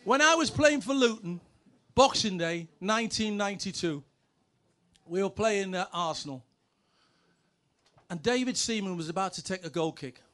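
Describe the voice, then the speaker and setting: Brief: middle-aged ex-player man, high voice, brash comic yarns. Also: animated, moderate pace, fairly bright tone. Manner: brash, punchy, sweary punchlines. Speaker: former footballer telling stories. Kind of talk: comic anecdotes, stand-up storytelling.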